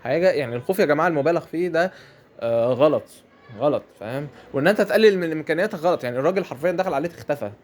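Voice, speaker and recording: Fast-talking Egyptian man commenting on gameplay. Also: on the high side, animated. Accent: Egyptian Arabic. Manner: fast, chatty, repeats phrases, colloquial. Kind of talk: mobile game commentary over gameplay.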